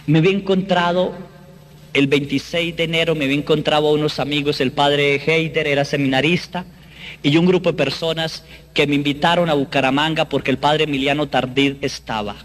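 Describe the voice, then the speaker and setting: A man giving an emotional first-person faith testimony, earnest and dramatic, slowing down on key phrases. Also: on the high side, steady tone, fairly bright tone.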